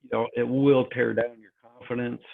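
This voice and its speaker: A man moderating an online session, talking haltingly with many fillers over a crackly phone-like line that fades in and out. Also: mid-range voice, level tone, vocal fry. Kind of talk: presenting talk on a virtual call. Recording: tinny phone-like call audio.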